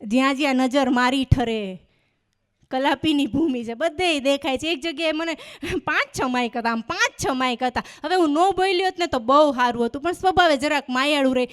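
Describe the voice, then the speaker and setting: High-voiced Gujarati woman telling comic stories. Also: normal speed. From Gujarat, India. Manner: lively storytelling with voiced dialogue. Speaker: stand-up comedian. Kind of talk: live comedy storytelling. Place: live stage before an audience.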